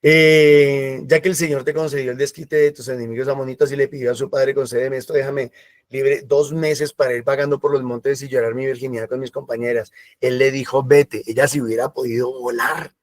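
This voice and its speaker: A man's voice: mid-range voice, level tone, a little fast, no echo. Man preaching, dry close sound. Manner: conversational preaching with acted asides and quoted voices. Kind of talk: sermon.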